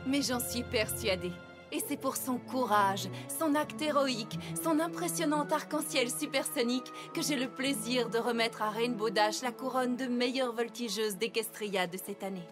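Regal cartoon pony princess played by a woman, fairly high voice, formal and composed, music behind. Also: normal speed, lightly acted. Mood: gracious. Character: gracious, regal adult female pony princess. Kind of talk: French-language cartoon dubbing.

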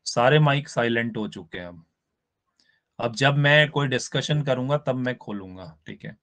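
A man teaching a live online class, explaining step by step and often checking in with his students. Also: mid-range voice. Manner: spells out words slowly for emphasis.

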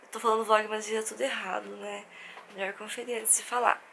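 A young woman from Brazil with a Brazilian Portuguese accent, chatting casually and excitedly to the camera in her bedroom vlog. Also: mid-range voice, a little fast, gravelly, slight background noise. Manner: chatty and bubbly, squeals with excitement. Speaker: vlogger.

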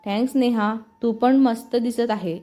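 A woman voicing a quiet, dreamy young woman who speaks softly and apologetically. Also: on the high side, a little slow, faint music behind, close to an everyday voice. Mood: gentle. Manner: soft, apologetic, hesitant.

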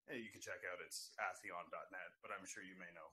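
Man, panel guest, self-deprecating jokes, low bright voice, phone headphones. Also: steady tone, fairly quick, a little hiss or hum. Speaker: panel guest, project lead. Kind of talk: casual panel chat. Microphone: knockoff headphones on a phone call.

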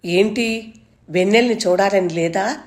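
A woman's voice: medium pitch, unhurried, lightly acted. A woman voicing a playful, ultra-modern young woman who talks in a cool, teasing way.

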